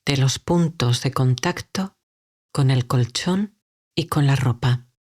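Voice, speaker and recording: A woman guiding a sleep meditation, talking softly and calmly with long unhurried pauses. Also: very deep voice, slightly rough. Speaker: meditation guide.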